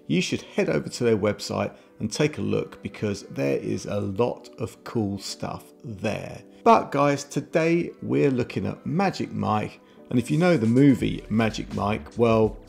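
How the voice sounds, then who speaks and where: With a creaky, lowish, darkish voice, a middle-aged man presents a tech product review in a casual but scripted YouTube style. He records in a home room lined with shelves, using a desk mic placed close in front of him, over background music.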